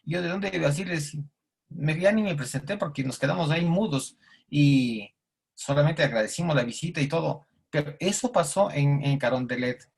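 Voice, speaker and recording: A man's voice: a little high, moderate pace, vocal fry, breathy edge. A man telling a personal anecdote during a panel discussion, acting out the voices of the people in it. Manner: anecdotal, acts out quoted voices. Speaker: audience participant.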